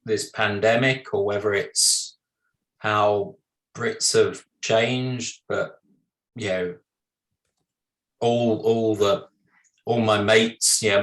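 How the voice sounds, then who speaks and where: British man with a British accent, unhurried and halting, lowish voice, echoey video-call room. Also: fairly bright tone. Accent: British English. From Britain. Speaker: bereaved husband thanking guests. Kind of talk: remembrance gathering remarks.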